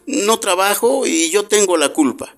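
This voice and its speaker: A man's voice: sits high, lively intonation, unhurried, voice pushed up. A man voicing a frightened little female bee in a radio story, speaking in a trembling, pleading voice. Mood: timid defiant.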